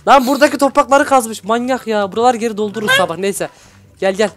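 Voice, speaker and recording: A man hosting a Minecraft role-play, excitable, scolding and shouting at his characters between laughs. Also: sits high, fast, soft background music. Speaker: YouTube gaming host.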